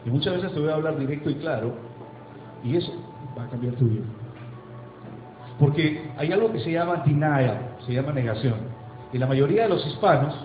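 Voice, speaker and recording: A man preaching as pastor, emphatic, asking rhetorical questions and slowing down for effect. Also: fairly high pitch, lively intonation, roomy sound, lo-fi sound, music in the background. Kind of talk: sermon. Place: church sanctuary.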